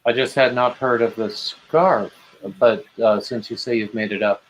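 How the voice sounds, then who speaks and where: A man's voice: mid-range voice, steady tone, normal speed, slight background noise, rough recording. A man in his fifties hosting a casual knitting livestream, hesitant and self-deprecating, with dry jokes and many restarts. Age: 50s. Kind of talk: casual chat while knitting.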